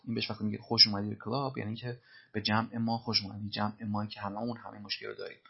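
A man teaching English, repeating film lines slowly and then explaining them in Persian. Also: fairly low pitch, level tone, creaky, slightly rough, lo-fi sound.

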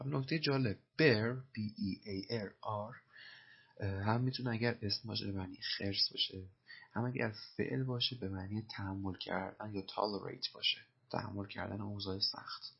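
Low husky guy explaining english phrases, spells stuff out patiently, kinda dull lo-fi audio. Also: steady tone. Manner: patient, repeats phrases and spells words letter by letter. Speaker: English teacher. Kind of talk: explaining film dialogue in a language lesson. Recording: dull lo-fi recording.

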